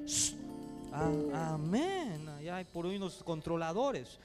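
A man preaching a sermon as pastor. He swings between loud preaching and hushed speech and speaks directly to the congregation. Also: on the high side, very animated, slow pace, long reverb tail, faint music behind. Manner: addresses the congregation directly with calls to respond. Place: church hall.

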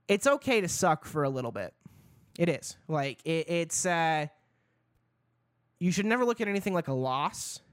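A man with a slightly high voice talks casually through a solo podcast, rambling, profane and now and then pumped up. The sound is dry and close, with no room around him. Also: fairly bright tone, smooth, no room sound. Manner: loose, rambling and profane, with hype bursts. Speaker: podcast host.

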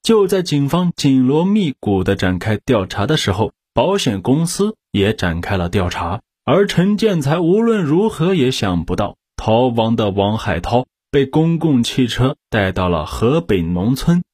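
A man narrating a true-crime story in a measured, dramatic storytelling manner. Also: mid-range voice, big pitch swings, darkish tone, breathy edge, dry recording, studio quality.

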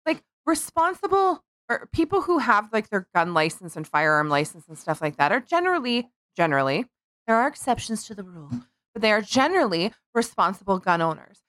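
Giggly, animated woman. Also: medium pitch, fairly quick, no room sound. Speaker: podcast host. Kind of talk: casual comedic chat.

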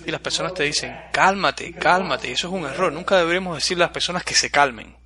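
A man giving a blunt, forceful motivational speech to a live audience, asking rhetorical questions. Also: a little high, very fast. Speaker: motivational speaker. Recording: crowd audible behind.

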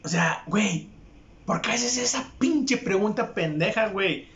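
Mexican man, young, crude mocking storyteller, high voice, echoey lo-fi room. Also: animated, unhurried, fairly bright tone. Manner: crude, profane and mocking, with frequent laughs. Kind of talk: casual anecdote monologue. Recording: echoey room, dull lo-fi sound.

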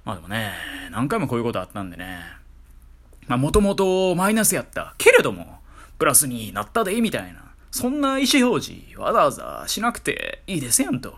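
A man's voice: mid-range voice, wildly swooping pitch, a little fast, vocal fry, a bit bright. A man with a Kansai accent talking alone in a casual monologue, making sardonic, ranting asides about phrases that bother him. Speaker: solo talk streamer.

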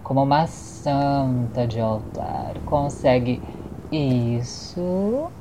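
A woman's voice: very deep voice, lively intonation, drawn-out words, exaggerated voice. A woman playing a haughty, sardonic, sadistic vampire in a radio soap opera, with a disdainful theatrical delivery. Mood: seductive, smug. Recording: faint background noise.

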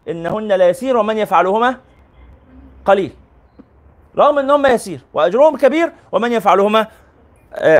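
A man teaching as a sheikh, reading a classical religious text aloud and explaining it in colloquial asides. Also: sits high. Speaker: sheikh teaching a hadith book.

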